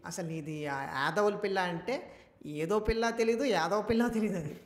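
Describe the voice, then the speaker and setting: A woman chatting casually on a podcast, eager to put in her own view. Her pitch is ordinary for a woman. The room rings with echo and a long reverb tail. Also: moderate pace.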